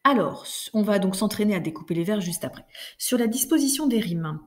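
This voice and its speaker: A woman teacher explaining poetry to her class, reading lines of verse aloud slowly and patiently. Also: mid-range voice, animated, darkish tone. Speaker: French teacher. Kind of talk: recorded class lesson.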